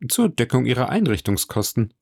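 A man reading an audiobook, voicing a calm, commanding aristocratic count in a low, measured voice. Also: creaky, dry recording, studio quality.

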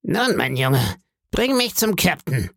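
A man voicing a menacing blind old sea beggar in an audiobook, speaking in a slow, eerie sing-song that sounds cruel and cold. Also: a little high, sing-song, gravelly, fairly bright tone, no room sound, studio quality, pitched above the performer's own voice, heavily acted. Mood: threatening. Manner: slow, drawn-out wheedling delivery.

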